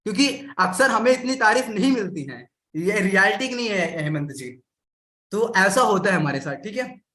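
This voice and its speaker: A man's voice: high-pitched, expressive, moderate pace, sharp tone, reverberant. A man running a live sales training session, animatedly acting out what customers and sellers say and addressing his audience directly.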